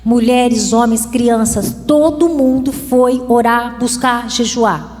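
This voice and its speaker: A woman's voice: a little high, slow, a little mellow, soft background music. A woman pastor with a Brazilian Portuguese accent, preaching a sermon with bursts of emphasis and playful asides. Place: church. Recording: long reverb of a church hall.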